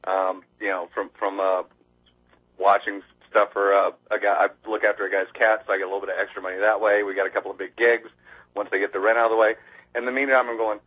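A man's voice: lowish voice, flat delivery, fast. A man calling in to a radio show over the phone, chatting in a loose, rambling way and swearing casually. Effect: heard over the phone line. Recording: tinny phone line.

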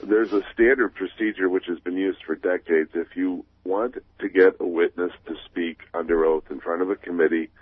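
Stuffy deep-voiced guy with a cold phoning into a radio show, tinny dry phone line, kinda sarcastic. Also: steady tone, normal speed, few pauses, no room sound. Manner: wry, politically pointed. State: congested with a cold. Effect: heard over a phone line on the radio. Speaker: radio call-in caller. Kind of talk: casual call-in chat.

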